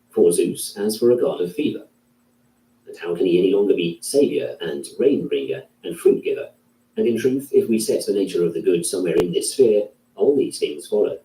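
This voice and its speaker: Male reader, dark mellow tone, measured delivery, distant echoey recording. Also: lowish voice, creaky. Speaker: narrator. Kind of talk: reading a classic philosophy text aloud. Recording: roomy, distant from the mic.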